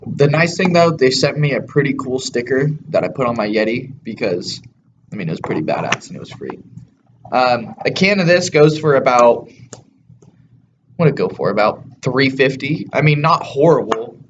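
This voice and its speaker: A man's voice: medium pitch, lively intonation, moderate pace. A man chatting casually as a co-host in a product review, blunt, crude and slangy, talking with a lip full of chewing tobacco. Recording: dull lo-fi audio with faint background noise.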